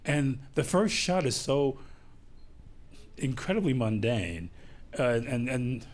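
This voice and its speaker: A man's voice: medium pitch, expressive, takes it slowly. A man hosting a film interview, talking with enthusiastic analysis and tripping over his words. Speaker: interview host. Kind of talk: conversational interview.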